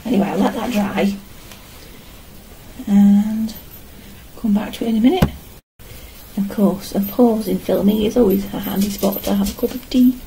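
Painting in a small room at home, a middle-aged artist and vlogger narrates casually to the camera and herself. She speaks in a mellow, medium-pitched voice at a moderate pace with long pauses. The low-quality recording carries a little hiss or hum.

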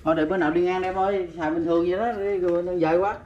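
Woman tossing in quick short replies, far from the mic, noisy outdoors. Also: on the low side, fairly even intonation, darkish tone, reverberant, lo-fi sound. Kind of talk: casual chat. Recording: distant, noisy outdoor audio.

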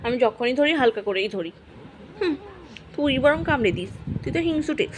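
A woman's voice: high voice, expressive, moderate pace, noisy background. A woman at home filming her cats on a phone, talking to them in a scolding, teasing way. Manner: scolding, teasing baby-talk to a cat. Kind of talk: casual talk to pet cats. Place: home indoors.

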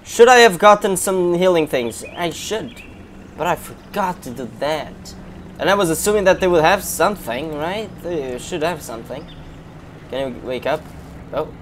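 Young male gamer, slightly high voice, profane play-by-play, gunfire audible under him. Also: expressive, normal speed, a bit bright, slight background noise. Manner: swearing, reactive, talking to himself. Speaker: gamer streamer. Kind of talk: casual gameplay commentary. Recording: game gunfire behind voice. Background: gunshots and game ambience.

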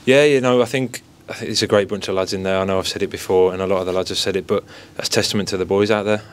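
Standing by a sponsor board in an indoor press area, a young male football goalkeeper humbly answers post-match questions, falling back on stock phrases. Several handheld mics and phones are held close to his deep-ish, steady voice as he races through his words. There's slight background noise.

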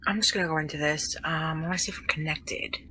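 A woman hosting a late-night livestream, ranting angrily with heavy swearing while greeting chatters by name, keeping her voice low. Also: steady tone, fast, bright, forceful tone, a little hiss or hum. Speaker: livestream host.

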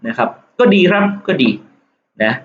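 A man teaching English, going over exam questions. He reads the English lines slowly, then explains them and jokes about the test. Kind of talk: exam walkthrough lesson. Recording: echoey lo-fi room with faint hiss.

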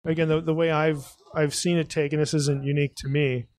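A man's voice: on the high side, flat delivery, brisk, darkish tone. A podcast host answering an audience question at a live event. He thinks aloud, often restarts, and keeps saying "again" and "you know".

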